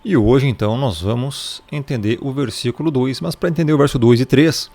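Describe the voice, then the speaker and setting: A man's voice: medium pitch, brisk, darkish tone. A man teaching a casual Bible lesson, explaining Greek pronunciation in a conversational way and repeating his points.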